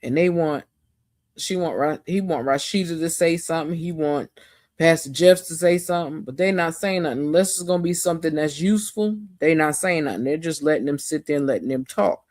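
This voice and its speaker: A woman giving a casual, animated, slangy recap of a TV episode as a show reviewer. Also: sits low, a little fast, no echo.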